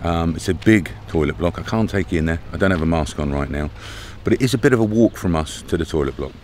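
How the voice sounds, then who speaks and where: Talking fast in a low, darkish voice, a middle-aged British man chats casually to camera outdoors at a campsite for his travel vlog. The camera is at arm's length, and the outdoor audio includes background noise.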